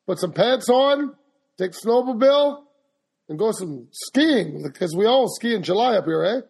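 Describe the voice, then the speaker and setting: Man doing a gravelly, husky Canadian hoser, exaggerated Canadian accent, folksy, keeps saying eh. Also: sits high, animated, moderate pace, darkish tone, heavily acted. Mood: joking. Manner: folksy, says "eh" and "bud". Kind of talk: comic bit on a podcast.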